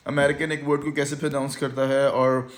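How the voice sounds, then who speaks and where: A man's voice: medium pitch, little pitch movement, brisk. A man with a Pakistani Urdu accent, an English course instructor giving a confident, salesy promotional talk that mixes in English words. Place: language institute.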